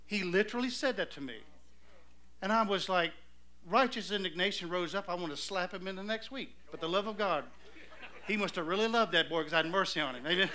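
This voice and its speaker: High, bright-voiced pastor. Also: male voice, fairly quick. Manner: storytelling, exclamatory, calls for amens. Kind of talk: sermon. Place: church sanctuary.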